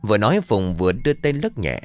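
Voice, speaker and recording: A man's voice: on the low side, big pitch swings, quick pace, soft background music. A man narrating a comic ghost story, playful and full of idioms and rhymes.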